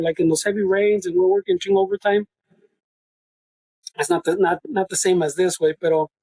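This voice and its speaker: A man's voice: high voice, darkish tone, dry recording, low-quality recording. A man co-hosting a podcast, trading brash, slangy banter full of swearing and switching between English and Spanish. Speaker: podcast co-host.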